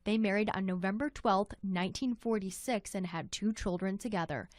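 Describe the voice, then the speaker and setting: American lady tv reporter doing scripted narration, medium pitch, really dry close sound. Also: moderate pace, dry recording. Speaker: TV news reporter.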